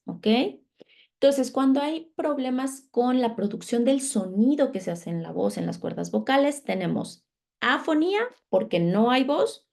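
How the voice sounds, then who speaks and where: A woman speech therapist delivers a conference lecture in a mellow, warm voice. She explains step by step in a patient tone and often pauses to check that her listeners are following. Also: medium pitch, gravelly.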